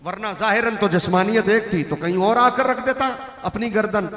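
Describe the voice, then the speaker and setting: A man preaching a sermon to a gathering, swinging from soft talk to loud, dramatic shouting. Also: sits high, normal speed. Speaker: religious preacher. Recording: echoey hall with long reverb.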